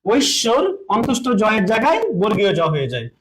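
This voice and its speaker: High-voiced man teaching step by step. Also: big pitch swings, fast talker, background noise. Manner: asks questions and answers them himself; repeats key points. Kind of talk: spoken lesson at a board.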